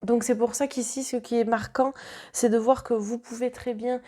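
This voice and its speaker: Woman, Marseille accent, tarot reading, chatty, reassuring, mellow warm tone. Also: on the high side, fairly even intonation, normal speed. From southern France. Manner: chatty, reassuring, many fillers and restarts. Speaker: tarot card reader. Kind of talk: casual tarot reading monologue.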